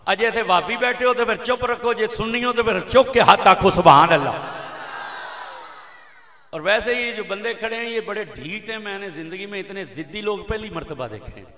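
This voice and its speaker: A man preaching an emotional religious sermon, chanting refrains and building to impassioned shouting. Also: high-pitched. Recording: echoey hall reverb.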